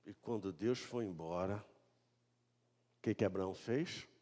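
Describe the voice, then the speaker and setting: Brazilian pastor preaching in a reverberant church. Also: male voice, sits low, a little slow. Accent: Brazilian Portuguese. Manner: reads scripture loudly, then tells the story in a casual, joking tone. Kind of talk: sermon. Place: church sanctuary.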